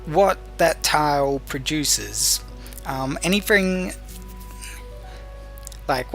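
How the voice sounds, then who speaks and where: A man hosts a let's play tutorial, giving explanatory video game commentary and patiently walking through each step, with some hesitation. His voice is fairly high in pitch and a bit bright.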